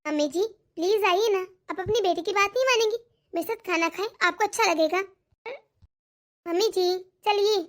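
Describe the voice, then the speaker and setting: In an extremely high-pitched voice at normal speed, a woman plays a sensible young daughter-in-law in a cartoon. The character's dialogue is polite, reassuring and level-headed.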